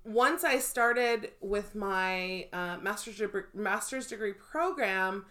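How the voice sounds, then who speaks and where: A woman co-hosts a frank, casual podcast conversation. Her voice is bright and clear, at an ordinary pitch for a woman. She talks in a steady, reflective way and pauses with ums. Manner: measured and reflective, with filler ums. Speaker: podcast co-host. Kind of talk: candid casual chat.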